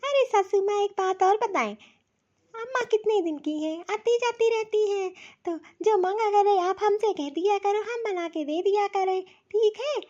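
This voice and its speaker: A woman's voice: very high voice, a little slow, a little mellow. A woman voicing a sly young daughter-in-law in a cartoon, sweet-talking and soothing. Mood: coaxing. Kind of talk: cartoon voice acting. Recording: slightly dull lo-fi audio.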